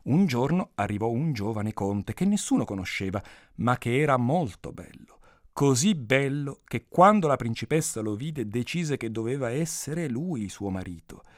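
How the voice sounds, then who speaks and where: A man narrating a folk tale with animated, dramatic storytelling. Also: medium pitch, moderate pace, no echo, clean studio sound.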